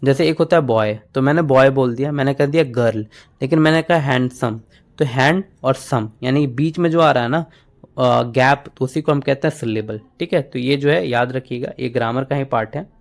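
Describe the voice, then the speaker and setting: A man's voice: medium pitch, brisk. Hindi-speaking man teaching words. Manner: explains words in Hindi mixed with English, memory tricks, frequent "ठीक है". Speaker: English vocabulary teacher. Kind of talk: exam-prep vocabulary lesson.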